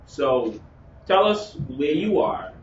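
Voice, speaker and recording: A man's voice: fairly high pitch, lively intonation, takes it slowly. A man hosting a casual sports interview, chatty, with lots of fillers and repeated words. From Bahamas. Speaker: interview host. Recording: roomy, distant, dull with faint noise.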